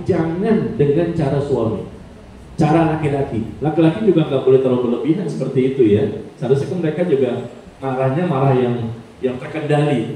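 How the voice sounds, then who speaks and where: A man's voice: fairly high pitch, warm tone. A man preaching a playful, teasing sermon to a women's study group, often asking the audience to agree. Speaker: Islamic preacher. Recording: very echoey hall, distant mic, faint noise.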